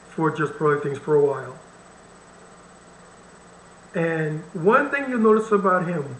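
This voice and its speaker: A man's voice: a little high, bright, forceful tone, reverberant, slight background noise, low-quality recording. A man hosting a reaction video, commenting bluntly and with wry irritation on the clip he plays. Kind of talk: casual commentary over a played video.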